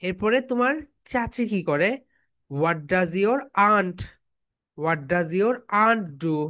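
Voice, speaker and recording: A woman teaching English, explaining in Bengali and slowly repeating English phrases for her students to chant back. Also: on the low side, lively intonation, fairly bright tone. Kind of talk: online classroom lesson.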